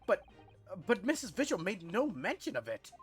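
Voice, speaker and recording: A man's voice: high voice, wildly swooping pitch, normal speed, faint music behind, voice pushed up. A man voicing an earnest young male defense lawyer who asks probing questions.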